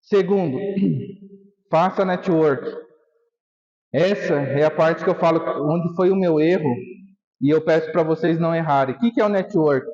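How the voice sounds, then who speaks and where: A man's voice: fairly high pitch, a little slow, long pauses, a little mellow, in a large hall. A man giving an emotional motivational talk on stage, telling his story and acting out remembered scenes. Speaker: motivational speaker. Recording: dull lo-fi live stage recording.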